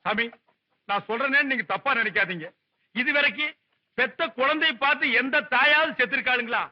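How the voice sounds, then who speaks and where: Sarcastic village scold, very high voice, muffled old film audio. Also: male voice, fairly quick. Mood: pleading. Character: sharp-tongued village man, middle-aged, mocking. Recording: dull old film soundtrack.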